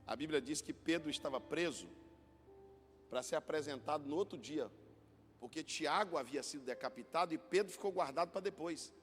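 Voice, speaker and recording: A Brazilian pastor preaching an impassioned sermon that swings from hushed storytelling to shouting. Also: male voice, on the high side. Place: church. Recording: reverberant church hall with soft music.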